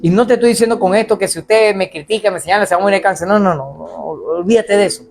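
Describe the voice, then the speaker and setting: A man preaching a sermon as pastor in a church, animated and acting out the voices of people he quotes. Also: sits high, quick pace, gravelly.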